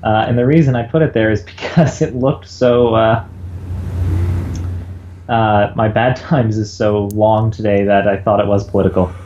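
A man's voice: fairly low pitch, fairly even intonation, normal speed, a little mellow. A man co-hosting a podcast, heard over a bad video-call connection and talking earnestly. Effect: bad call connection, dull lo-fi audio. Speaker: podcast co-host. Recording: lo-fi roomy video call audio with faint background noise.

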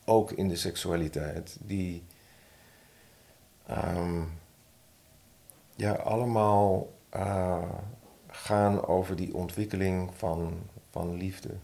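A man, a podcast guest who is a publisher and poet, talking thoughtfully and reading his own poem slowly. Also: sits low, fairly even intonation. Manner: slow, thoughtful, reads his own poem softly and deliberately. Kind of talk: conversational interview with a slow poetry reading.

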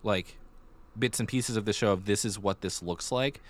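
Speaking at a normal speed in a fairly low-pitched voice, a man co-hosts a podcast. The talk is casual, and he develops his points by repeating phrases.

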